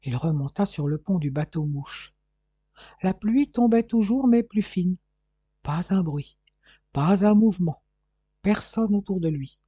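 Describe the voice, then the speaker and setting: A man narrating a crime novel as an audiobook in an even, measured storytelling manner. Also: high-pitched, breathy edge, dry recording.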